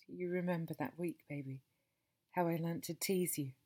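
Woman, breathy low voice, slow intimate monologue with whispered stretches, tender and possessive. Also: fairly even intonation. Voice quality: breathy and soft. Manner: tender, possessive, speaks to the listener as baby. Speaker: narrator of an intimate audio story.

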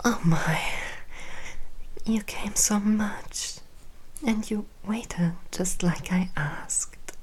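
A woman playing a seductive, commanding queen in an intimate audio roleplay, talking in a breathy, whispery, teasing way. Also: on the low side, animated, takes it slowly, long pauses, a little mellow, slight background noise, rough recording. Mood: tender.

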